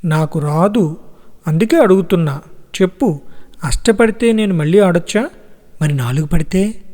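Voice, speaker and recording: A shy six-year-old boy, hesitant and full of questions, as the male narrator puts him on. Slightly raised pitch, carried by a long reverb in a storybook reading. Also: expressive, moderate pace, warm tone. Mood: curious.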